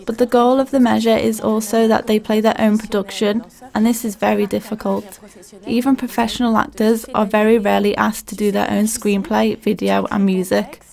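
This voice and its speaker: Gravelly, mellow woman reading voice-over. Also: mid-range voice, level tone. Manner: plain, measured reading. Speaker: voice-over translator. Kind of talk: documentary voice-over translation.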